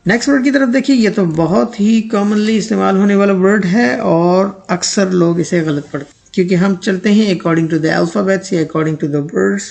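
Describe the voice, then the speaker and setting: Gravelly man teaching word pronunciation. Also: sits high, a little mellow. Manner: repeats each word slowly, then reads out an example sentence. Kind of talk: pronunciation lesson.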